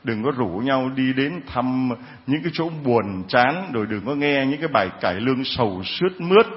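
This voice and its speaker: A man preaching a sermon, his voice at an ordinary middle pitch and captured with a slightly dull, lo-fi quality. He talks in a jovial, teasing way, joking with the congregation as he goes. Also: lively intonation, moderate pace. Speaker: priest.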